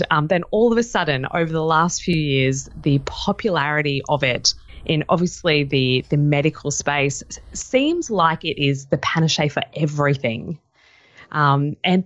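A woman's voice: sits low, no echo, highs cut off. A woman co-hosting a podcast, interviewing a guest in a chatty, informal way. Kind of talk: casual interview chat.

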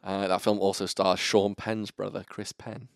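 A man hosting a casual film review chat, animated and profane, joking as he runs the talk. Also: fairly low pitch, normal speed, gravelly, no echo, studio quality. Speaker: podcast host reviewing a film.

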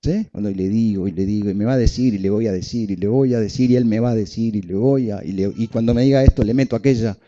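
A man's voice: lowish voice, fast, hardly any pauses, warm tone, lo-fi sound. A male pastor preaching a sermon, repeating key phrases and asking the congregation questions.

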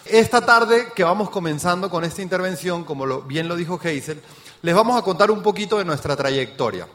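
A man's voice: high-pitched, expressive, a little fast, a bit bright, big-room sound. A man from Venezuela with a Venezuelan accent gives a motivational talk to an audience on stage, often asking rhetorical questions. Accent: Venezuelan Spanish. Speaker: business event speaker.

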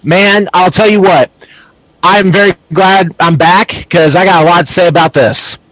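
A man's voice: sits high, normal speed, a bit bright, low-quality recording. A man co-hosting a podcast, giving blunt opinions in casual wrestling chat. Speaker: podcast co-host.

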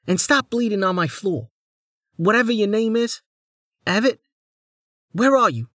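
A man's voice: high voice, animated, measured pace, fairly bright tone, dry recording, studio quality, voice pushed up, exaggerated voice. A man voicing an impatient, commanding noble lady who snaps out orders in an audiobook. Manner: imperious, snapping orders. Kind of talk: audiobook character voice.

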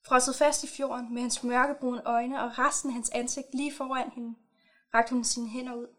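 A woman reads aloud a short story she wrote herself, in a measured storytelling manner. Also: fairly high pitch, flat delivery, fairly bright tone. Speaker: author. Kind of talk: reading her own short story aloud.

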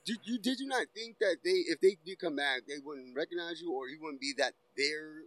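A man joining a casual chat, animated and quick to jump in with reactions. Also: fairly high pitch, low-quality recording.

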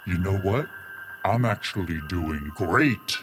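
A man's voice: sits low, animated, slow pace, a little hiss or hum. A man voicing a lazy, self-pitying ghost host with a theatrical spooky drawl. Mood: mopey.

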